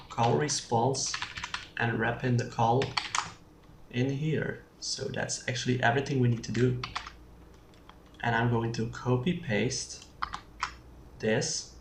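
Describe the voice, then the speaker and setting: A programming tutorial presenter with a medium-pitched voice works through code aloud in an unscripted screencast, speaking slowly and haltingly as he thinks while typing. The roomy, distant mic picks up echo, clear background noise, keyboard typing and mouse clicks.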